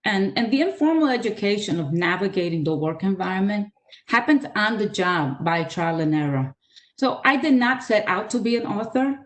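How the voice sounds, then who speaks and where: Speaking as a guest author at a webinar held over a video call, an older woman who came from the Dominican Republic and grew up in New York City gives a measured talk about careers. She sounds earnest, expressive and a bit bright at a mid pitch, with filler sounds coming often.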